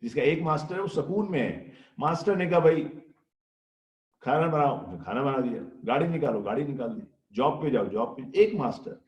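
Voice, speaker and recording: A man giving a Ramadan sermon in a lively storytelling manner, acting out the voices he quotes. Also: medium pitch. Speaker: Islamic scholar giving a Ramadan lecture. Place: Ireland. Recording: echoey room.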